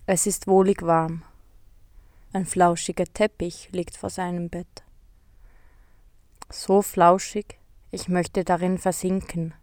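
Slow, gentle woman telling a story. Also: on the low side, level tone, no room sound, studio quality. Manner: gentle, soft and reflective. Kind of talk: scripted story narration.

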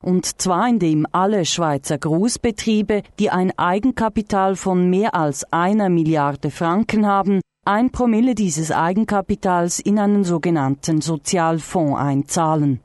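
A woman reading a scripted radio news report in a measured, clear way. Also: lowish voice, darkish tone, no echo, clean studio sound.

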